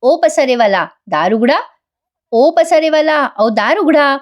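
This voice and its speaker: A woman's voice: sits high, animated, measured pace, lo-fi sound, voice pushed up. A woman voicing a young wife who coaxes and pleads with her husband through a locked door in a sing-song, wheedling way. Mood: coaxing.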